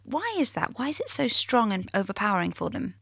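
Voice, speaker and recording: A woman's voice: fairly high pitch, big pitch swings, a little fast, gravelly, a bit bright, no echo, clean studio sound. A female radio host in London, interviewing a guest in an engaged, conversational way. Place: London studio.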